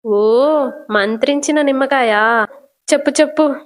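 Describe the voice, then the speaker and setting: A woman's voice: high voice, measured pace. A woman voicing a dim, muddled middle-aged aunt who talks offhandedly. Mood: offhand.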